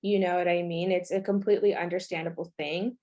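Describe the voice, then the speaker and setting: A woman's voice: on the low side, steady tone, a little fast, darkish tone, highs cut off. Earnest woman podcast co-host. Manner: earnest, laughs often. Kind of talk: casual chat.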